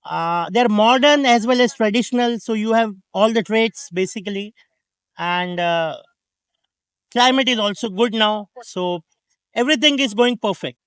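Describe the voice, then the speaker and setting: A man's voice: high-pitched, moderate pace, a bit bright, clean tone, no echo. A man from India, a tourist, speaking in an articulate, earnest way.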